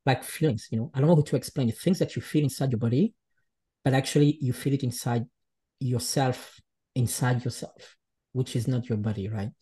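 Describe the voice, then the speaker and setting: A man from Switzerland talks as a guest in an unhurried conversation. His voice sounds dark and mellow. He often pauses and hunts for the right words. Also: medium pitch, breathy edge. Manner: reflective, searching for words, speaks English as a second language. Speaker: guest artist. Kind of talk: casual conversation.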